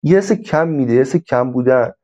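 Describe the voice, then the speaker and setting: A man's voice: medium pitch, expressive, dark tone. Male instructor, casual chatty lesson delivery, repetitive examples, slightly lo-fi. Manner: conversational, repeats examples, many fillers. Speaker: online sales instructor. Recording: slightly dull lo-fi audio.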